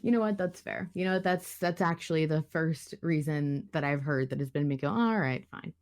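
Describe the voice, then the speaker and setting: Thinking aloud in a conversational way, a woman hosts a casual podcast discussion and sometimes reads out comments. Her voice is low and a little mellow, at a moderate pace.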